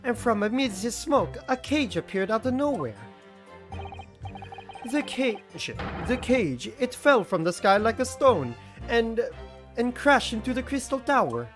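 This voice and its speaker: A man voicing an excitable wealthy male witness, speaking high and theatrical with a put-on Italian accent. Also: a little slow, faint music behind, exaggerated voice. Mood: excited. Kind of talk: game dialogue read-along.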